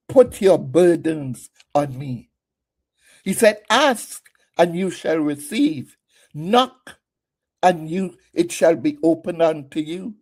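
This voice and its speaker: A woman's voice: lowish voice, mellow. A middle-aged woman preaching a Mother's Day sermon, asking her listeners many rhetorical questions and sharing her own story. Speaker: women's ministry speaker.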